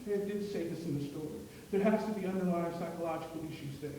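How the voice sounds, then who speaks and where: Guy preaching a class sermon, mellow highish voice, lots of ums, echoey room mic far off. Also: fast, slight background noise. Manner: storytelling with many fillers and restarts. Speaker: preaching student.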